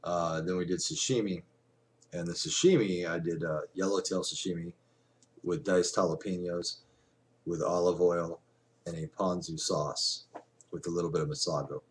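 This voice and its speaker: Low-voiced man rambling into a webcam. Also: steady tone, moderate pace. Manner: rambling, chatty, many fillers and restarts. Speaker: vlogger. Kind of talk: casual webcam vlog. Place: small room indoors at home. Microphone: webcam at desk.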